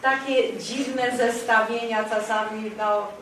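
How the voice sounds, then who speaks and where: A woman translator talks about her work at a book launch, searching for words and pausing often. Her voice is a little high. The echoey hall carries a faint background hiss. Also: steady tone, a bit bright. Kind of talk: casual talk at a public event.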